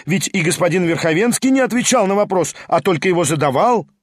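A man voicing a touchy, resentful lame man who speaks slowly with stiff formal politeness. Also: sits high, expressive, no room sound, studio quality, voice pushed up. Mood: agitated.

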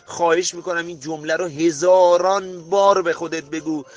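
A man hosting a motivational podcast, preaching emphatically to his listener and rising to near-shouts. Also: fairly high pitch, fairly even intonation, soft background music. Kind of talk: motivational monologue.

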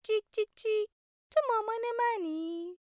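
A woman voicing a tiny lost baby chick in a children's storybook, with a high peeping voice. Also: dry recording, dull audio. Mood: pleading.

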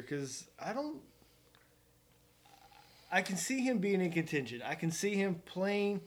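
Man, fairly high voice, from Oklahoma, podcast co-host, rambling, joking, casual golf chat. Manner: joking, rambling, self-mocking.

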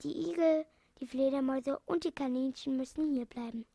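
A woman's voice: high voice, normal speed, gravelly, mellow, dry recording. A woman reading as a kind old animal doctor. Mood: kindly.

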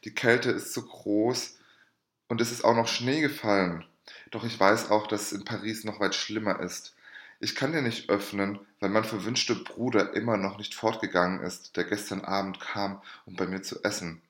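A man's voice: lowish voice, fairly even intonation, normal speed, fairly bright tone, echoey room, natural voice. A man reading aloud and voicing a scheming, mocking noblewoman who speaks with feigned sweet sympathy. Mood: mock concern.

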